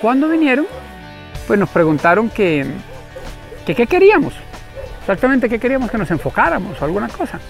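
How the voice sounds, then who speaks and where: A man, an animal rescuer interviewed as a guest, telling stories expressively and acting out the voices and shouts. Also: high-pitched, big pitch swings, a little fast, pauses often, faint music behind. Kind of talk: animated storytelling.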